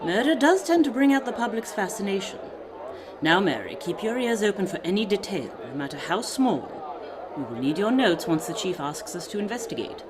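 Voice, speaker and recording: A woman's voice: medium pitch, sing-song, brisk, crowd noise, noisy background, close to an everyday voice. A woman playing a composed, knowing aristocratic lady detective, self-assured and formal, in a period radio drama. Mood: confident, wry.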